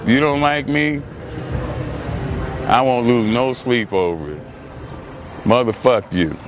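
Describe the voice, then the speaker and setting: A man's voice: medium pitch, takes it slowly, music in the background. A middle-aged man, a martial arts trainer, ranting to camera in a combative, taunting way full of swearing, on a clip-on mic. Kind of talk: profane rant to camera.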